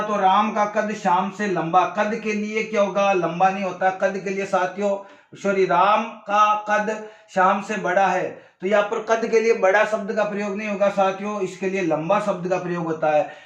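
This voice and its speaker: A male teacher with a Rajasthani Hindi accent, giving an exam-prep grammar lesson and addressing his viewers as friends while explaining slowly through spoken examples. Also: high voice, fairly bright tone, roomy sound.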